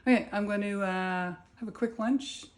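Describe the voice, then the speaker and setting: A woman's voice: mid-range voice, moderate pace. A middle-aged woman in a casual, folksy video diary, talking plainly through everyday chores as if to family. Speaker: home vlogger. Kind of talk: casual chatty video diary addressed to their father. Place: outdoors in a garden, later indoors at home. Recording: clear ambient background noise.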